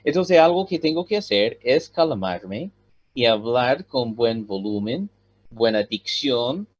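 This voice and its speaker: American-accented man preaching, lo-fi sound. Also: medium pitch. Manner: pauses with many "ah" fillers, calm teaching tone. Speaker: pastor. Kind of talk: sermon. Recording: dull lo-fi sound.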